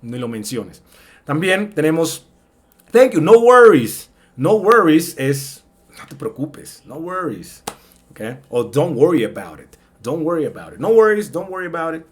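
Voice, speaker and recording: An English teacher gives a casual spoken lesson in a slightly high voice with big pitch swings. He slowly stretches out example phrases, acts out short dialogues using different voices, and often checks in with "ok?".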